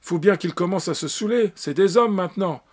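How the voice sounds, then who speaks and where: A man's voice: high voice, fairly quick, husky, voice pushed up. A man voicing a vain, self-righteous village grocer's wife in an audiobook. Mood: indignant.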